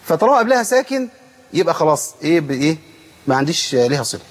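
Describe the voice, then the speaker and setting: Man, Egyptian accent, recitation teacher, rapid talk, slightly high voice, slows down to demonstrate sounds. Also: sing-song. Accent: Egyptian Arabic. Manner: explains briskly, then draws out sounds slowly to demonstrate them. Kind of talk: tajweed lesson.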